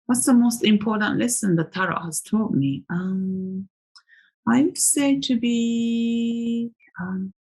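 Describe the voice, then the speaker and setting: A Japanese woman, a native speaker, chats casually and thoughtfully about tarot in her vlog, rambling with lots of fillers and restarts. Her voice is a little high, slightly mellow and husky, and she speaks slowly.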